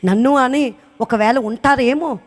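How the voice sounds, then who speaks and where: A recently widowed woman giving an impassioned testimony sermon to a congregation, rising high and loud on her emphasis and asking many rhetorical questions. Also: unhurried. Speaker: church speaker giving a testimony.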